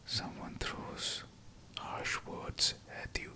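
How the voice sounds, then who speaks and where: A man whispering a scripted pep talk of affirmations, in short, deliberate phrases. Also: pushed and bright. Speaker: guided affirmation narrator.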